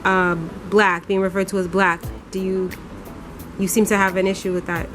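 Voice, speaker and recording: A woman interviewer asks calm, brief questions and answers with short acknowledgements. Her voice sits at a middle pitch. Clear music plays behind her. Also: normal speed.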